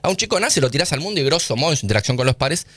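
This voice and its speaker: An Argentine man speaks fast in a radio studio interview, his pitch rising and falling a lot as he explains with casual slang. The sound is dry and close, with no room echo. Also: very animated, a bit bright. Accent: Argentine Spanish. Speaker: guest scientist.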